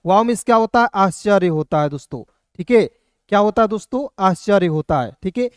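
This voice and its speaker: A man teaching a video lesson, explaining patiently step by step, often asking his viewers a quick question and then answering it himself. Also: high-pitched, animated, smooth, no echo, studio quality. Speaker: English teacher.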